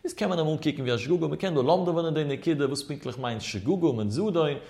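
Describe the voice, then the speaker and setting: In a fast, creaky voice that's a little high and darkish in tone, a man teaches Talmud. He uses a sing-song study chant, asking and answering his own questions as he explains each step like the religious teacher he is.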